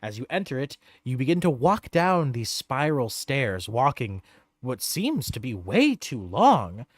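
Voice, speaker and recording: A man's voice: medium pitch, big pitch swings, unhurried, dry recording. A man working as game master, improvising narration for a tabletop role-playing game.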